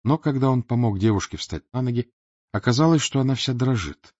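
A man reading an audiobook aloud in an expressive, dramatic narration style. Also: medium pitch, a little fast, no echo. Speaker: audiobook reader. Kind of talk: scripted narration. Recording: dull dry lo-fi recording.

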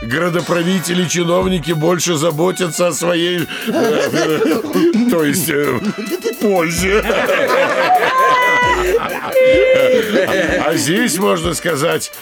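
An actor playing a sanctimonious, obsequious middle-aged mayor in a comic audio play, hesitant and unctuous. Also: male voice, on the high side, unhurried, vocal fry, over loud music. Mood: flattering.

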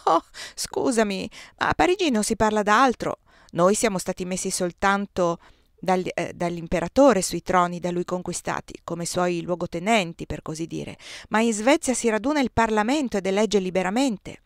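A woman reading aloud, voicing a chatty, excitable young queen in high, animated tones. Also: dry recording, studio quality, lightly acted. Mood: excited chatter. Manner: quick, animated, raised.

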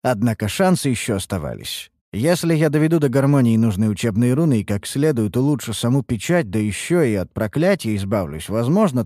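A man reading a first-person fantasy audiobook in an expressive, wry manner. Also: medium pitch, no echo, studio quality. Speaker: audiobook narrator.

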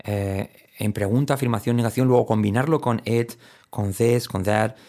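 A man from teaching English pronunciation, explaining in casual speech and repeating example words slowly. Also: lowish voice, dark tone. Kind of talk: spoken language lesson.

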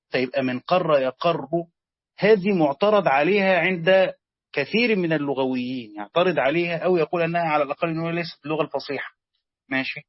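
A man with an Egyptian accent teaching a lesson, explaining slowly, repeating words and quizzing his students. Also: on the high side, no room sound. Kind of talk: classroom lesson on Quranic grammar. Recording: dull lo-fi sound, dry.

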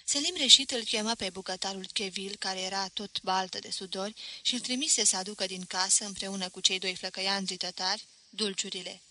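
A woman reading a literary novel aloud as an audiobook, steady and expressive. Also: mid-range voice. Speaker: audiobook reader.

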